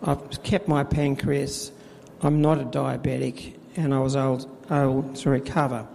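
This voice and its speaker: A middle-aged man tells his story of faith in a halting way, with many fillers and restarts, recorded in a church with a long reverb. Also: mid-range voice, level tone, vocal fry, darkish tone, slight background noise. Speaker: church volunteer administrator. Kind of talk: personal faith testimony in interview.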